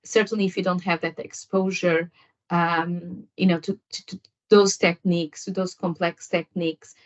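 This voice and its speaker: A nurse guest from Angola speaks at normal speed in a fairly low, level voice. Portuguese is her first language, and her long answers on the nursing podcast are packed with fillers and false starts. Sound quality is slightly dull and lo-fi.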